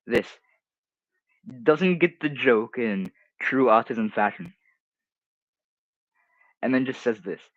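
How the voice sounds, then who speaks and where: A man's voice: mid-range voice, lively intonation, slow pace, long pauses, no echo, muffled recording. A teenage streamer, casually reading comments aloud and mocking them, often restarting his sentences.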